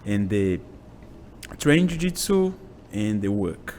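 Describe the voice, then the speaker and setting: A man in his twenties from Brazil with a Brazilian Portuguese accent, whose first language is Portuguese, speaking halting English with many "you know" fillers as an interview guest in a small home gym. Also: on the low side, very animated, a little mellow, a little hiss or hum. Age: 20s. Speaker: guest, jiu-jitsu instructor. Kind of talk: casual interview.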